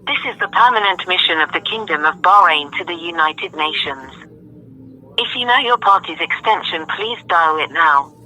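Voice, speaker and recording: A recorded automated phone greeting, read as a formal, measured announcement for a phone menu and voicemail. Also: medium pitch, lively intonation, pushed and bright, a little hiss or hum, poor audio.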